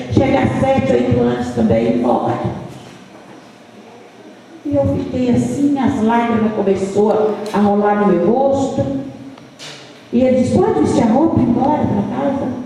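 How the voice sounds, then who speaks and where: A woman's voice: on the high side, dark tone. A middle-aged Brazilian woman telling her life story as a church testimony, acting out the voices in her story. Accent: Brazilian Portuguese. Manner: emotional storytelling, acting out dialogue. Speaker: church speaker giving testimony. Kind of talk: testimony sermon. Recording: echoey hall, from far off.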